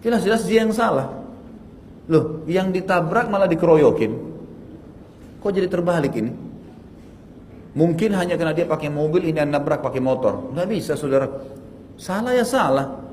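A man teaching an Islamic study class in a lively, emphatic manner, his voice climbing high when he scolds. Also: moderate pace, pauses often, big-room sound, a little hiss or hum. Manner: animated, emphatic, rising pitch on rebukes. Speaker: religious teacher.

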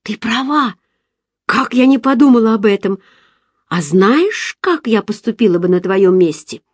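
A woman reader voicing an excitable, gossipy young woman friend who talks loudly in exclamations. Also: medium pitch, measured pace, husky, dry recording, clean studio sound. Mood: excited. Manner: loud, exclamatory, emphatic.

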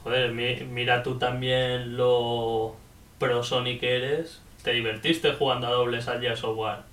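A man's voice: mid-range voice, little pitch movement, a little slow, a bit bright. A man co-hosting a casual game review podcast, joking, swearing and laughing often. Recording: roomy, a bit far from mic.

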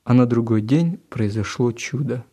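Male storyteller for children's tales, calm measured read, mellow tone. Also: mid-range voice, husky. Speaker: narrator. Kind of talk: scripted narration of a children's story.

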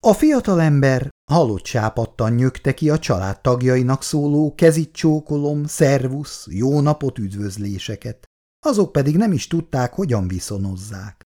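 A man reading a novel aloud in an expressive way. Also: mid-range voice. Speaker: reader.

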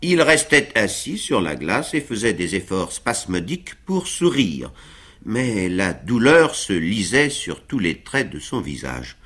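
A man narrates a classic novel for radio. He reads slowly with a lively, expressive melody. His voice sits low but sounds bright. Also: husky. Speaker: reader of a novel. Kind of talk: literary reading on radio.

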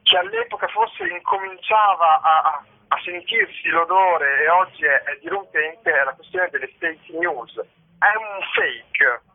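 Over a tinny phone line, a theatre company co-founder is interviewed about his stage works. His fairly high, sing-song voice comes out halting and thoughtful as he searches for words.

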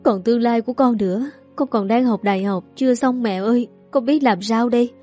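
A frightened young woman in an audiobook story pleads anxiously, as a woman reader puts her on. The tone is soft and mellow rather than bright. Soft music plays faintly behind her. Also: a little high, a little fast, close to an everyday voice. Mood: pleading. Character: frightened young woman student, pregnant, tearful.

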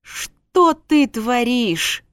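A sly young snake-shifter husband, as a woman reader puts him on, growling threats and dry mockery in a slow, deliberate drawl. The audiobook voice sits in a middling register with a close, dry sound. His temper is commanding and teasing. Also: medium pitch, lively intonation, no echo, close to an everyday voice. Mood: exasperated. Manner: mocking, growling, drawn-out delivery. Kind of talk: audiobook character voice.

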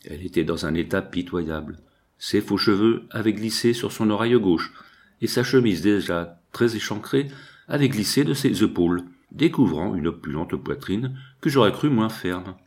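A man narrating a classic novel in a measured audiobook manner. His voice sits on the low side. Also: expressive, a little mellow.

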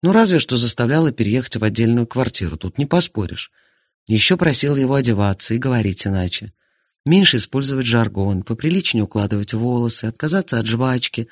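A man's voice: medium pitch, brisk, no room sound, studio quality. A man reading first-person narration in an audiobook, expressively. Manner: expressive, animated. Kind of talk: scripted narration.

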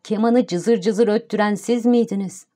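A woman voicing a sharp-tongued young female street bun seller, curt and quick to snap back, in an audiobook reading. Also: medium pitch, steady tone, voice pushed up, natural voice. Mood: snappish.

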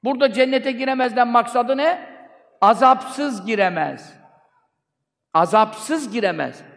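A man's voice: very high voice, unhurried, creaky, fairly bright tone. A man preaching a sermon from a pulpit microphone, fervently asking rhetorical questions and answering them himself. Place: speaking from a pulpit. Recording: long hall reverb.

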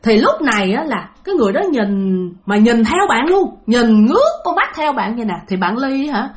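A woman's voice: a little high, big pitch swings, moderate pace. A woman telling a ghost story in a chatty way, talking straight to her listeners and repeating things for emphasis.

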